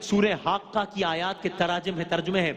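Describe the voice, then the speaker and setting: A woman's voice: on the low side, fairly even intonation. Religious speaker, woman, earnest lecturing tone, asks listeners rhetorical questions, voice carried by a long hall reverb. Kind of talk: religious lecture explaining scripture.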